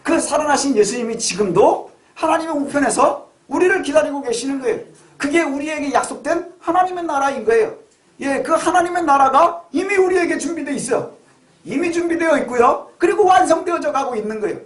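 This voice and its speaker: A man's voice: extremely high pitch, lively intonation, fairly quick. A middle-aged male pastor preaching a Sunday sermon in a conversational way, asking rhetorical questions and acting out quotes. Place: church sanctuary. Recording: echoey church hall.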